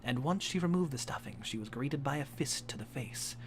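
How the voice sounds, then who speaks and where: A young man gives a comic dramatic reading of a fan story for a live stream at home, hamming it up with curses and laughing asides. His medium-pitched voice is animated, a little fast, and has vocal fry, with slight background noise.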